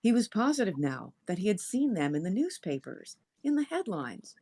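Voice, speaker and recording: A woman narrating a horror story aloud in an expressive read-aloud style. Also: mid-range voice, moderate pace. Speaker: story reader on a stream.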